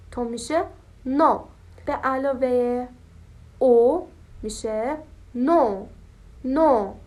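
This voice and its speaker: Woman slowly drilling syllables as a teacher. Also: on the high side. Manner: slow, drawn-out syllables repeated for practice. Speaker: language teacher. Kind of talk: step-by-step language lesson.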